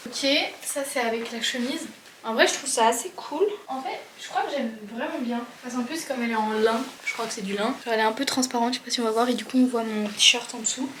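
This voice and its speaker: A young woman of eighteen chatting to camera in a loose, informal vlog. Her voice sits a little on the high side, and her speech is full of fillers and casual slang. The chat rambles along. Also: fast, a bit bright, a little hiss or hum. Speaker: vlogger.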